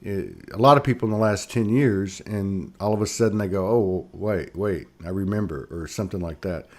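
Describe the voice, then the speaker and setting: A man's voice: sits low, lively intonation, moderate pace, a little mellow. A man hosting an interview, asking rambling questions in a chatty, joking way. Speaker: host.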